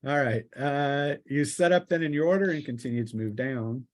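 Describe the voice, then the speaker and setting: Running a tabletop RPG session as game master, this man improvises his narration in a stop-start way, often breaking off partway through sentences. His pitch is medium.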